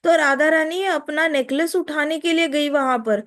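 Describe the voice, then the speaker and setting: A woman voicing a tearful young woman who speaks slowly and haltingly through sobs. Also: high-pitched, natural voice. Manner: halting, slow, sobbing speech.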